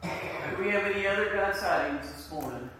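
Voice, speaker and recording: A woman's voice: medium pitch, animated, moderate pace, fairly bright tone. Appalachian woman pastor in an echoey church. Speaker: pastor leading the service. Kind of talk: church service talk and prayer. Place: inside a church, congregation present. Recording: roomy, distant church mic, faint noise.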